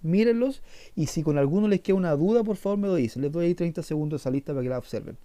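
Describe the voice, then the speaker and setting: A man's voice: on the high side, animated, very fast, mellow, a little hiss or hum. Man teaching English grammar. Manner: patient, repetitive explaining with many fillers. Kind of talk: online class lesson.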